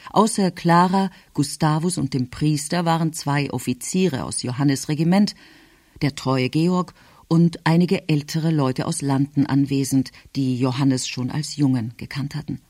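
A man reading a novel aloud as scripted narration, in a measured, expressive way. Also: on the high side, dry recording. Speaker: audiobook reader. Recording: dry close studio.

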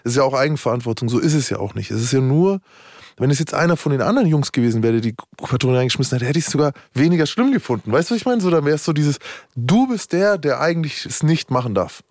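A man's voice: medium pitch, expressive, fast, darkish tone, no echo, clean studio sound. A man chatting casually and slangily, thinking aloud in long, rambling runs. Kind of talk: casual chat, animated commentary on a story.

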